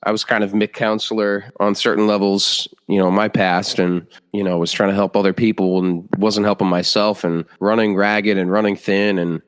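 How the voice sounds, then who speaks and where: A man's voice: lowish voice, moderate pace, few pauses, smooth. Chummy male podcast host, echoey sound. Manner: animated, chummy, lots of restarts and "man". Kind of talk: casual interview chat.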